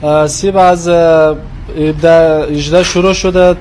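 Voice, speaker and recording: A man's voice: a little high, little pitch movement, crowd noise. A man selling in a shop, answering a reporter informally in a field recording. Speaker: fruit shop seller. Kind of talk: informal vox pop interview. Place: fruit shop. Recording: faint ambient noise, field recording.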